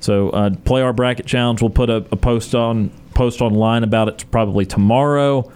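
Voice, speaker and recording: A man hosting a sports radio show and wrapping up the episode, talking in a relaxed way with filler words. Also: medium pitch, moderate pace, clean tone.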